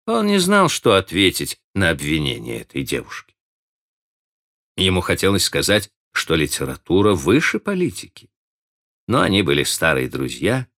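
Deep-voiced man narrating a novel. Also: creaky, fairly bright tone. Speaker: audiobook narrator.

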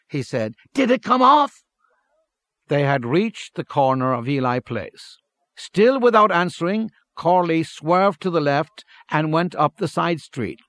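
A man's voice: a little high, dry recording. Man reading a story, dry close sound. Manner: measured, steady reading. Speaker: narrator. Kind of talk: scripted story narration.

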